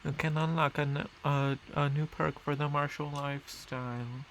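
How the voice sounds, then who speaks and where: A man's voice: a little high, flat delivery, moderate pace, fairly bright tone, a little hiss or hum, poor audio. A man casually commentating a strategy game as he plays, rambling and correcting himself while he reads out place names. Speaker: gameplay commentator. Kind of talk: casual let's-play commentary.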